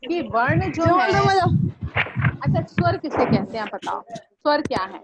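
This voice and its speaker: A woman's voice: high-pitched, measured pace. A woman teacher giving a grammar lesson in a classroom, often repeating her questions to drill the students. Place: classroom with blackboard. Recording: dull lo-fi recording with steady noise.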